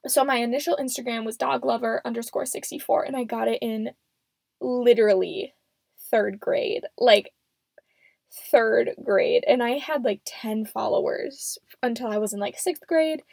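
Creaky-voiced teenage girl, muffled in a closet. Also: fairly high pitch, normal speed, darkish tone, no echo. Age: seventeen. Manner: informal, rambling, self-deprecating. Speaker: podcast host. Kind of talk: casual unscripted solo chat. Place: small closet at home. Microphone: microphone.

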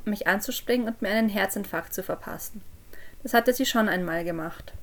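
A woman narrating a creepy first-person story for a podcast, dropping low and quiet on the eerie moments. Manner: drops low and quiet on eerie lines, raises voice for called-out quotes. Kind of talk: scripted horror story narration.

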